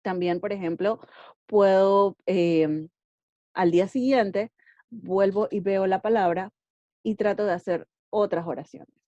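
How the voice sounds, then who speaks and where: A woman's voice: mid-range voice, fairly even intonation, unhurried, mellow, no room sound, muffled recording. A woman English teacher giving casual advice on learning languages, often checking in with "ok?" and slipping in English words. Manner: friendly, checks in with frequent "ok?"; mixes English words into speech.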